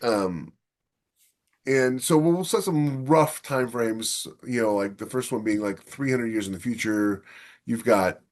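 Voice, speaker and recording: A podcast host with a medium-pitched voice talks a little slowly in a casual discussion. He thinks aloud conversationally and frequently checks in with "you know."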